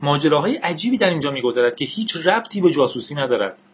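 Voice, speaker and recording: Frantic young man, high and pleading, as a male narrator puts him on; husky edge, dull lo-fi sound. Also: sing-song. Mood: urgent.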